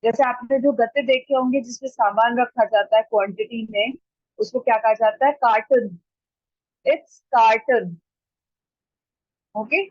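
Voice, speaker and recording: A woman teaching pronunciation in an online class. She repeats each word slowly and deliberately, mixing Hindi and as she explains. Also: fairly high pitch, fairly even intonation, no echo, highs cut off. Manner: slow, deliberate repetition of words to model pronunciation. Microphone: computer mic during a screen-shared online class.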